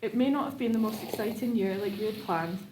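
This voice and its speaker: A woman's voice: mid-range voice, fast talker. Nervous woman reading vows in echoey room. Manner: nervous, laughing between lines. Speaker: bride renewing vows. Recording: echoey room with background noise.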